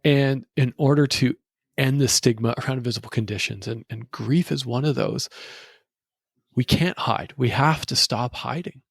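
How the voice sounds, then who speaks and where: Gravelly-voiced earnest male host. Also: medium pitch, normal speed, no echo. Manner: earnest, stumbling restarts. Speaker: podcast host. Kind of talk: interview conversation.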